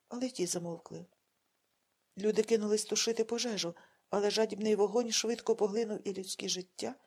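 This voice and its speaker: A woman reading an audiobook novel aloud in steady, grave narration. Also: mid-range voice. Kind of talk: scripted narration.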